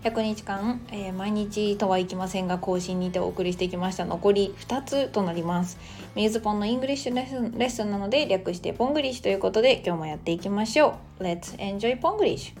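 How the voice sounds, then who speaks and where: A woman hosting a casual podcast lesson, explaining English phrases in a chatty way and reading example sentences slowly and carefully. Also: medium pitch, a little mellow. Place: Australia.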